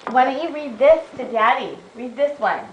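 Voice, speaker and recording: A woman reading a picture book aloud to a child at bedtime at home, slow, gentle and playful. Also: sits high, lively intonation, highs cut off, slight background noise. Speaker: parent reading a bedtime story.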